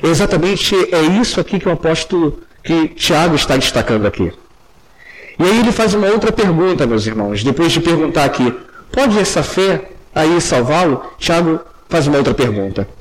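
High-voiced earnest preacher man. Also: expressive, a little fast, rough recording. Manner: earnest, drops low and soft on direct addresses to the congregation. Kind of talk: sermon.

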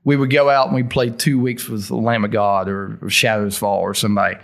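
A man's voice: fairly low pitch, little pitch movement, brisk, gravelly. A middle-aged man with a thick Southern US accent, telling stories casually in an interview in informal, folksy language. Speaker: interview guest, heavy metal singer.

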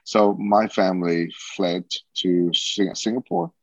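Deep-voiced man, lo-fi recording. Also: slow pace, dry recording. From Australia. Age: 40s. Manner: rambling, restarts often. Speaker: guest, social entrepreneur. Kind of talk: casual interview talk. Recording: dull lo-fi sound.

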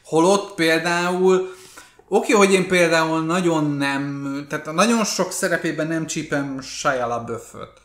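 A man's voice: on the high side, fairly bright tone. A man co-hosting a podcast, chatting casually about films in an emphatic, strongly opinionated way. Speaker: podcast co-host. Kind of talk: casual film chat. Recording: roomy echo.

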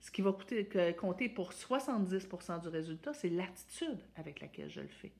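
A woman with a Québécois French accent, a parenting coach giving advice and acting out parent examples in high, exaggerated voices. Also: sing-song, a little fast, a little mellow.

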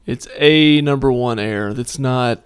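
A man's voice: medium pitch, takes it slowly, clear, resonant tone, no echo, clean studio sound. An American man chatting and joking casually as a quiz contestant.

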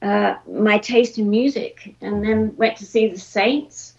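A woman's voice: medium pitch, steady tone, slow pace, vocal fry, dull audio. An Australian woman, a podcast guest, reflecting casually on her past with frequent fillers. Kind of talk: casual interview.

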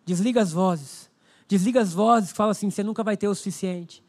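High-voiced pastor preaching. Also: male voice, fairly even intonation, fast talker. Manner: emphatic preaching, repeats key phrases; acts out prayers in a lifted voice. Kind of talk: sermon.

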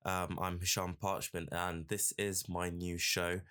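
A man with a low voice hosts a podcast in a conversational style. His delivery is reflective and a bit hesitant, as he lays out his thoughts and puts questions. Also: flat delivery, a little slow, fairly bright tone. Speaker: podcast host.

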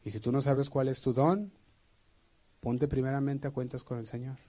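A pastor preaching earnestly, checking in with the congregation. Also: male voice, mid-range voice, level tone, normal speed, warm tone. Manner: earnest, asks the congregation for assent. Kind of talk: sermon.

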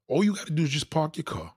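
A man's voice: fairly high pitch, husky, no room sound, clean studio sound. A man rants bluntly and profanely to his live-stream viewers, reading out their comments. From New York. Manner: blunt, profane, animated street talk. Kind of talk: casual live-stream rant.

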